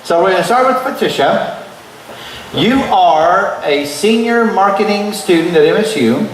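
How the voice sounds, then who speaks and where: A man's voice: sits high, animated, a little slow, a little hiss or hum. A man hosting a casual interview, joking and hesitant, with many fillers. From Texas. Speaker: talk show host. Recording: echoey room, mic at a distance.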